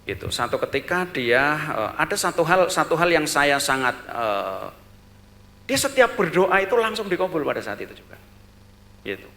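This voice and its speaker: A man with a bright, forward voice gives a storytelling lecture at a business seminar. He talks in short bursts, repeating words and adding little fillers as he goes. His loudness rises and falls sharply as he builds the tale. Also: fairly high pitch, normal speed, creaky. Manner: animated storyteller, voice swelling loud then dropping soft; repeats words and tags phrases with "gitu". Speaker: seminar speaker.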